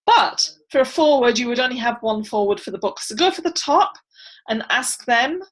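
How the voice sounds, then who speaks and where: A chatty woman with a fairly high voice teaches authors over a video call. She talks loosely with plenty of fillers and laughs now and then. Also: lively intonation, normal speed, low-quality recording. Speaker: book launch coach. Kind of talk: online webinar teaching.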